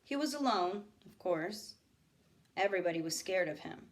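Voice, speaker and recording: A woman teacher reading a novel aloud to her students, expressive, pausing for asides to the class. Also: on the low side.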